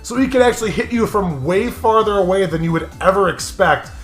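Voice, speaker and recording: A man co-hosting a gaming show's let's play chats casually and jokingly, prodding his co-host and often bursting into laughter. His high-pitched, slightly bright voice is lively and fairly quick. The recording has a roomy echo with faint music behind.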